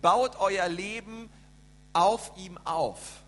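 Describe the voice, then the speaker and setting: A man's voice: high-pitched, extremely slow. Man interpreting a sermon in a hall. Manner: animated, with many fillers and restarts. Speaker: church interpreter and host. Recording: echoey church hall with hum.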